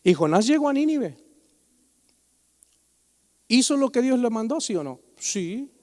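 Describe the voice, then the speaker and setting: High-voiced man preaching in a reverberant church. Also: very animated, unhurried, a little mellow. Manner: joking, conversational preaching, often calling the listener "hermano". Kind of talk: sermon. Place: church sanctuary during a Sunday service. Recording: long reverb of a church hall.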